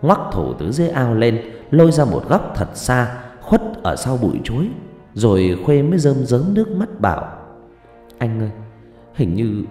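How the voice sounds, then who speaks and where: A man narrating a story in an expressive, measured storytelling manner. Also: medium pitch. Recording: reverberant room with faint background music.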